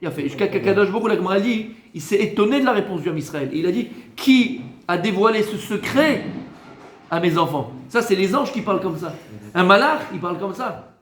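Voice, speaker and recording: A man, a rabbi, giving a Torah lesson in a lively way, teasing his listeners with joking asides. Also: high-pitched, fast, roomy sound.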